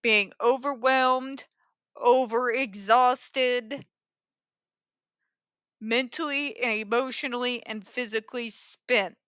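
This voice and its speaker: Bright, high-pitched woman with call-center polish. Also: fairly even intonation, takes it slowly, pauses often, clean tone, no echo, highs cut off. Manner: sarcastic, blunt, emphatic, with swearing. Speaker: host of an advocacy commentary show. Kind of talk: opinionated commentary.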